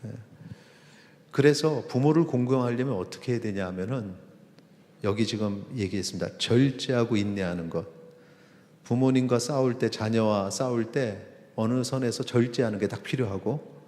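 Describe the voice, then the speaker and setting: Male pastor, mid-pitch, chatty sermon delivery, roomy church reverb. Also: a little mellow. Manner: conversational preaching with acted quotes and pauses. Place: church sanctuary. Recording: long reverb of a church hall.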